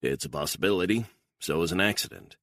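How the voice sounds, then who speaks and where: A man voicing a gruff intelligence officer who speaks bluntly and matter-of-factly. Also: sits low, animated, quick pace, fairly bright tone, no echo, clean studio sound.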